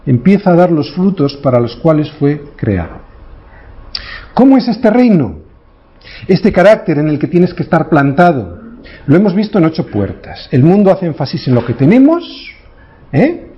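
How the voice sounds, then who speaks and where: A man's voice: a little high, big pitch swings, moderate pace, highs cut off. A man preaching a sermon as pastor, in a preacherly way, often tagging his points with short questions to the congregation.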